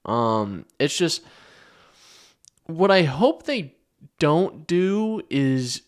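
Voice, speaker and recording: A man's voice: a little high, big pitch swings, drawn-out words. A young man co-hosting a podcast in casual chat, rambling and swearing, restarting his sentences. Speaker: podcast co-host.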